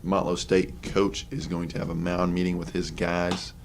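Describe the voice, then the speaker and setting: Low-voiced male baseball announcer. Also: moderate pace, slight background noise. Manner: relaxed, chatty, offhand asides between pitches. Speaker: play-by-play announcer. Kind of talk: sports commentary.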